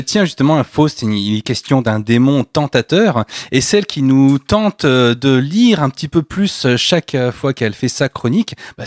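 A man's voice: mid-range voice, dry recording, clean studio sound. A man from France hosting a casual radio chat show, talking in a chatty, hesitant way with joking asides. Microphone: studio microphone.

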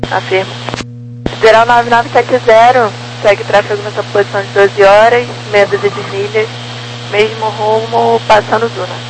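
A woman with a Brazilian Portuguese accent works as an approach air traffic controller, giving clipped radio instructions. Her voice sits in the mid-range, with a level tone and a moderate pace. The aviation radio is noisy and humming.

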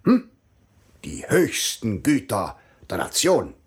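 A man's voice: lowish voice, wildly swooping pitch, slow pace, full character voice. An actor playing a pompous, self-important male village magistrate in a classic radio play, blustering and lecturing. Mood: self-pitying.

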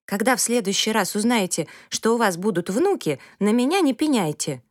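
A woman doing a sassy, high-voiced teenage girl. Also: animated, normal speed, no echo, studio quality. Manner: high-pitched, sassy, emphatic. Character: pert, dramatic teenage girl, quick to sulk.

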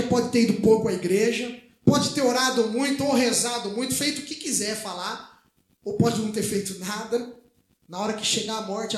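A man preaching in Brazilian Portuguese with a strikingly high voice. His sermon is conversational and full of anecdotes. The sound is roomy and echoey, taken from a live church service. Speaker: pastor.

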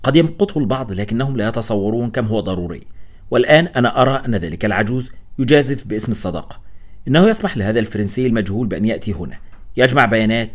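A man's voice: fairly low pitch, expressive, very fast. A man reading the part of a meddling male supervisor who talks insistently, by turns irritated and coaxing. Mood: pressing. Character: meddling older male British supervisor, controlling.

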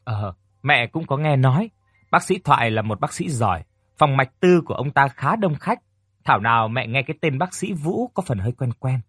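A tearful, fretful mother , as a male storyteller puts her on, her pitch lifted above his usual voice. She frets and pleads in a husky, dry tone. The storybook reading stays close to the mic. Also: animated, moderate pace, a bit bright, dry recording. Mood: curious. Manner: anxious, fussing, pleading. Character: worried, tearful middle-aged mother.

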